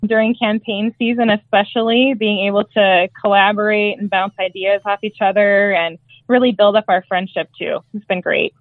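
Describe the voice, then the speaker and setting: A woman's voice: mid-range voice, steady tone, normal speed, no echo. Upbeat woman over a phone-like line. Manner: upbeat, informative. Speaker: guest, nursing educator. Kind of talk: interview answers.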